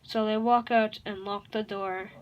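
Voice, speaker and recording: A woman improvising a fan-fiction story aloud, rambling and halting, with many fillers and self-corrections. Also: medium pitch, steady tone, highs cut off.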